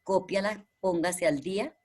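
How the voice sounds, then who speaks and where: A woman's voice: lowish voice, a little slow, a little mellow, breathy edge. A woman teaching a primary school class over a video call. She speaks patiently and repeats the key terms so her pupils remember them.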